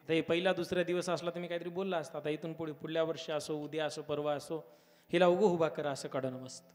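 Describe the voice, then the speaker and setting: A man preaching a devotional kirtan sermon at a village gathering, fervent, swelling to loud exclamations. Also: fairly high pitch, fairly even intonation, fast. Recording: long hall reverb with harmonium and tabla.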